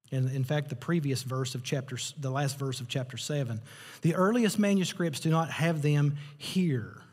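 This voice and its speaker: A man's voice: mid-range voice, darkish tone, husky, big-room sound. A man preaching a sermon as pastor, mixing joking asides with emphatic, rising preaching. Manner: joking asides, laughs at his own jokes.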